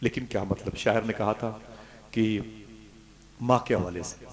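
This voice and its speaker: A man preaching an emotional story-driven sermon, swinging from loud declaiming to hushed, grieving tones. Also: lowish voice, a little slow. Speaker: Islamic speaker.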